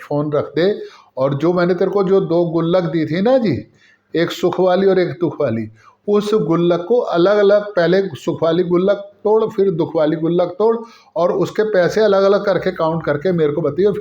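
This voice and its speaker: A man's voice: fairly high pitch, moderate pace, mellow, lo-fi sound. A man who narrates a family story in the first person in a conversational way, with fillers and restarts.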